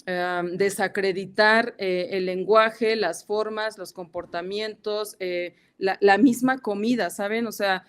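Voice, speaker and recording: This guest academic, a woman with a Mexican Spanish accent, speaks slowly with hardly any pauses in a medium-pitched, steady voice that is a bit bright, clear, and resonant. Her panel talk over video call is hesitant, with many fillers and restarts.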